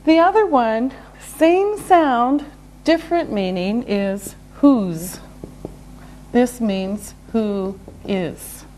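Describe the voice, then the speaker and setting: A woman teaching basic English, speaking slowly and clearly and repeating each example sentence. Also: a little high, warm tone, slight background noise. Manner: very slow, over-enunciated, repeats each example. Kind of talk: slow, deliberate ESL lesson.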